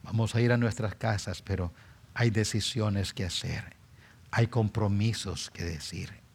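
A man preaching a sermon and leading a closing prayer, swinging from loud exhortation to hushed, near-whispered appeals. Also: fairly low pitch, fairly even intonation, unhurried, creaky, slightly rough.

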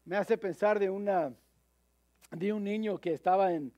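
High-voiced man preaching a sermon. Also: dark tone, no echo, dull audio. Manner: halting, with frequent repeated words and fillers.

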